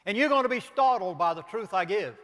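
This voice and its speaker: A man's voice: high voice, lively intonation, a little fast, bright, forceful tone, big-room sound. An older man with a Southern accent, a pastor giving an impassioned lecture, emphatic and pleading, asking rhetorical questions.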